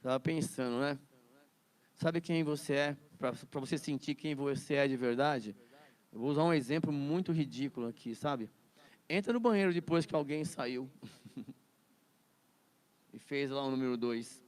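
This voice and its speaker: A man's voice: medium pitch, normal speed, long pauses, a little mellow. A man teaching a Bible study lesson in a chatty way, laughing often and repeating words.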